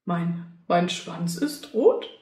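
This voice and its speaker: A woman voicing a lonely, sheepish fox who talks softly and hesitantly, with stammers, in a storybook reading. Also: fairly low pitch, sing-song, extremely slow, exaggerated voice. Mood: remorseful. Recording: roomy echo.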